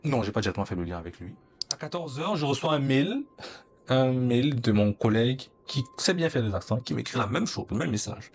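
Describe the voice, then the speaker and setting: A young man from Cameroon earnestly recounts a personal story in an interview, acting out the dialogue. His mid-range voice moves briskly with big pitch swings.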